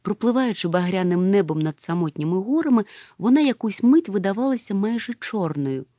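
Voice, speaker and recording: A woman narrating a children's storybook aloud with an expressive manner. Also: medium pitch, brisk, no echo, studio quality. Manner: expressive, animated. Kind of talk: audiobook narration.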